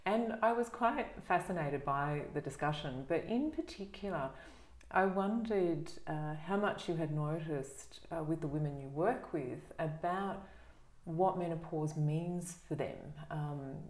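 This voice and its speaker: Low-voiced woman host, gentle and reflective. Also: a little slow, roomy sound. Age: middle-aged. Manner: gentle, reflective, with many ums and uhs. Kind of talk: conversational interview.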